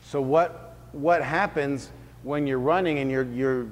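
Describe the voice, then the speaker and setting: A man's voice: medium pitch, unhurried. Man teaching fitness in a reverberant hall. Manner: casual and explanatory, checks in with listeners. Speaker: fitness trainer. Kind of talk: informal workshop talk to a group.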